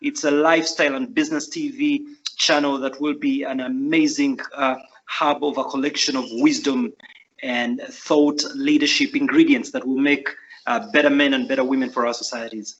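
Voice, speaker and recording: A middle-aged man with a Ugandan accent answers questions in an earnest, reflective way, often pausing with "uh" and "um." His voice sits at a middling pitch. The recording sounds muffled and lo-fi. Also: fairly even intonation, fairly bright tone. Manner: earnest, reflective, frequent fillers. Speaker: guest author. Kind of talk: interview answers. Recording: muffled lo-fi audio.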